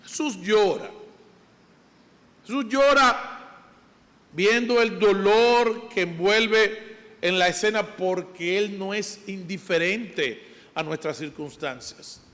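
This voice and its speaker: A man preaching a sermon in a church, lively, asking his listeners questions and then answering them himself. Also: high-pitched, slow, long pauses. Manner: animated, asks the congregation questions and answers them. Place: church sanctuary. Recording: long hall reverb.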